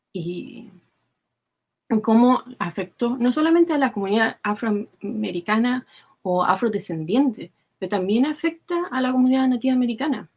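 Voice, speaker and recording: A woman from Chile with a Chilean accent, giving earnest, thoughtful answers as an interview guest and often pausing to search for words. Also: mid-range voice, darkish tone, husky. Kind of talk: explanatory interview talk.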